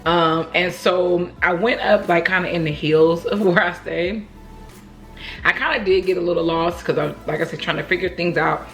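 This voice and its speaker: A vlogger from Oakland, California, with an American accent, tells a rambling personal story to camera in casual storytime style, acting out what people said. Her voice sits on the low side and is a bit bright, at a moderate pace, with faint music in the background.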